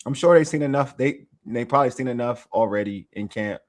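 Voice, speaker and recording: A man in casual talk-show banter, speaking at a middling pitch. He rambles and restarts his thoughts, gets excitable, and laughs a lot. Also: fairly quick. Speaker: podcast host. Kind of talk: casual sports chat.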